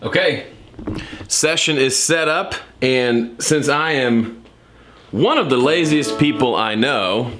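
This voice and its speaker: A man's voice: medium pitch, takes it slowly, over loud music. A man chatting casually as a vlog host in a playful, self-deprecating way, his S sounds whistling slightly through a gap in his teeth. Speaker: vlogger and podcast host.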